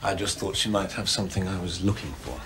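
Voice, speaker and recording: An actor playing an earnest man who is quick to indignation. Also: low voice, steady tone, fairly bright tone, slight background noise. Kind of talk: period TV drama acting.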